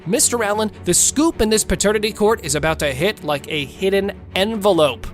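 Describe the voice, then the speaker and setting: A man with a fairly high voice narrates a court show recap. He is theatrical and mocking, full of slang, over faint music. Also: animated, a little fast.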